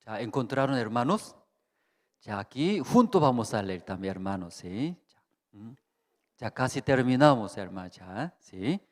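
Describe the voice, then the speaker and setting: Male pastor, slow delivery, lively rising and falling pitch, keeps asking the congregation to confirm, long church reverb. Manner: halting, repetitive, with constant checking questions to the congregation. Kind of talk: Bible seminar sermon. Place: church hall.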